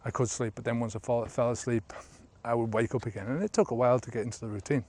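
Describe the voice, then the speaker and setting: A man's voice: mid-range voice, steady tone, fast, darkish tone. A man of about fifty, a sobriety coach, talking casually in a vlog while walking an outdoor trail, rambling with many fillers, filmed on a handheld camera at arm's length.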